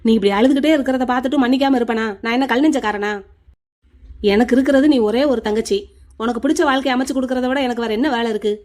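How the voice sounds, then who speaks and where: A remorseful elder brother in a cartoon, played by a woman with a raised, fairly high voice. He talks fast and loudly, gruff at first but softening into comfort. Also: natural voice. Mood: apologetic.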